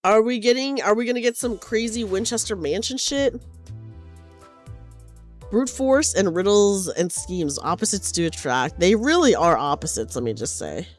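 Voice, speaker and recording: Her medium-pitched voice has lively intonation and a normal pace as she chats expressively with her stream, swearing occasionally and reading game lines aloud with drama. Faint music sits behind her.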